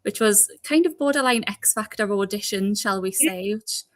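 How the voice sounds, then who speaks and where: A young woman with a Geordie accent talks through a live online recruitment session. Her manner is friendly and chatty, with frequent laughs, and her pitch sits in a middle range. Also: moderate pace. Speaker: service support rep and co-host. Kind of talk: live Q&A chat.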